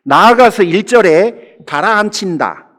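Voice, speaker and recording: A man's voice: high voice, animated, measured pace, a bit bright. A middle-aged man from the Jeolla region of Korea, a pastor giving a humorous, conversational sermon in church and often speaking straight to the congregation. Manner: humorous, conversational preaching that keeps addressing the congregation. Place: church sanctuary.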